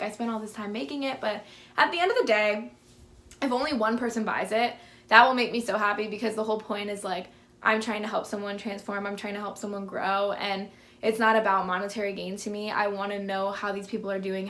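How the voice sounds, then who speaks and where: A woman's voice: mid-range voice, a bit bright. A woman in her twenties with a lisp, answering viewer questions in a casual vlog, filling her talk with "like". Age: 20s. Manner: chatty, lots of "like" fillers. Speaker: fitness vlogger. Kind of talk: casual Q&A to camera.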